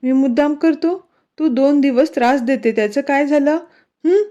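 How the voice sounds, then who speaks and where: Playful protective young husband, read by a woman, storybook romance, mellow tone, dull lo-fi recording. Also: high-pitched, moderate pace, voice pushed up, lightly acted.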